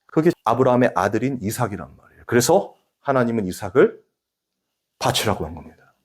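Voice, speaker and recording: A man, a pastor in his forties, preaching a sermon, asking the congregation questions and swinging from emphatic peaks to hushed asides. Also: mid-range voice, sing-song, fairly quick, slightly rough. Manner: addresses congregation directly with questions.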